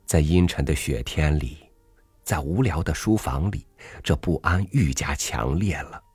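A man narrating a literary story in a measured, reflective reading. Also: rumbling low, darkish tone, husky, dry recording, faint music behind.

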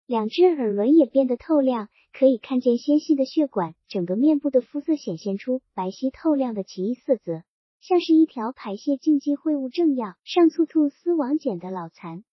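A woman narrating a novel in a measured, literary storytelling manner. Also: sits high, lively intonation, slightly rough, no room sound. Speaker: audiobook narrator. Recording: dull, dry audiobook recording.

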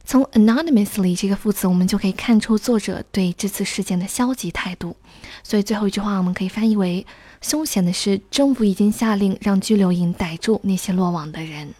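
A young woman acting as a tutor, giving an explanatory close-reading lesson and reading English passages aloud slowly and carefully. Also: mid-range voice, mellow, no echo.

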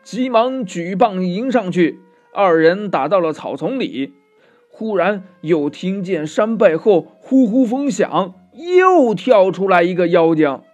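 A male storyteller narrates a children's tale in a high, unhurried voice. He lilts along, stretching his sentence-end particles, with faint music playing underneath. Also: animated. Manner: lilting, with drawn-out particles.

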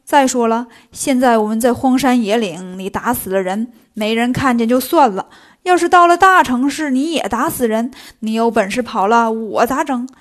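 A woman's voice: sits high, animated, a little slow. Storybook monk, male, fussy and long-winded scold, voiced by a woman storyteller. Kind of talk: storytelling for children.

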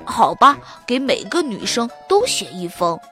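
A woman voicing an eager, cheerful young schoolboy in a children's storybook, with a lively, animated voice. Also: a little high, unhurried, faint music behind, heavily acted. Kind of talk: children's audiobook reading.

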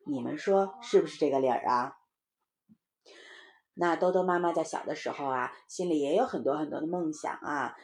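A woman storyteller reading a bedtime story to children, with a soft, coaxing manner. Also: low-pitched. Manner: soft, coaxing, talks to children as little darlings.

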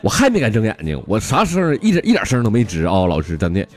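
A man's voice: on the low side, wildly swooping pitch, quick pace, over music. A man with a Northeastern Mandarin accent voicing a timid, whiny small boy in a comic story. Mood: plaintive.

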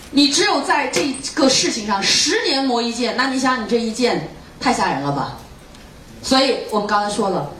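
A woman lecturer giving a motivational talk to students, often firing rhetorical questions at the audience. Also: fairly high pitch. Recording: echoey room, mic far off, faint noise.

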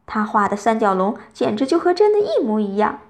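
A woman reading a bedtime story to children, telling it gently and with lively expression. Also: fairly high pitch, fairly quick.

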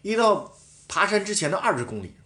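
Man guest recounting race drama, quick and animated, casual swearing. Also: high-pitched. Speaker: professional cyclist guest. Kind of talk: casual storytelling chat.

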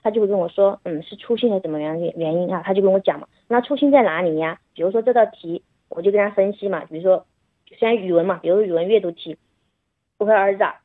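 A woman's voice: mid-range voice, husky, dry recording. A woman, a mother, chatting casually about her son and acting out their conversations. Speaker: mother sharing parenting story. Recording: phone-like, narrow sound.

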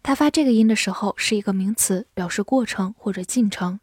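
A woman teaching English vocabulary in a scripted lesson, spelling words letter by letter and reading example sentences slowly. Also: medium pitch, darkish tone, breathy edge, no room sound, studio quality.

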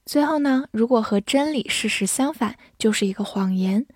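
A woman teaching English vocabulary in a clear, patient way, spelling out words and reading model sentences slowly. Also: fairly high pitch, no echo, studio quality. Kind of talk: vocabulary lesson.

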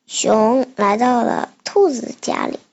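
A child of about nine reading and retelling a storybook in a halting, deliberate way. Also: mid-range voice, lively intonation, vocal fry, darkish tone, dull audio. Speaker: young student retelling a storybook. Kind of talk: reading aloud and translating sentence by sentence.

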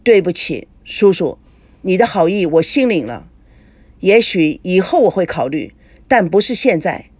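A woman's voice: fairly low pitch, big pitch swings, unhurried, darkish tone, husky, no room sound, full character voice. A woman voicing a weary, evasive young man in a novel reading, polite and hesitant.

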